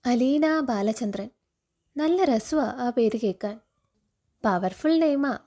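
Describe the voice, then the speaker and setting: A woman reading the lines of a timid young woman from an orphanage, in a soft, hesitant way. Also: on the high side, animated, slow pace.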